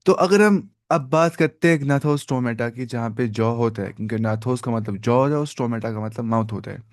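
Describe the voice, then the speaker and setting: A man teaching a live online biology lecture, asking his students questions and answering them himself, repeating key terms slowly and mixing English science words into casual talk. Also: medium pitch, no echo, studio quality.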